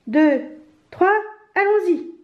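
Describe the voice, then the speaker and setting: A busy little storybook mouse, played by a woman, high and brisk, a little bossy but kind. Her voice sits in a roomy, slightly muffled space. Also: expressive, exaggerated voice. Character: small busy female mouse, brisk and kindly. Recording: roomy, slightly dull home recording.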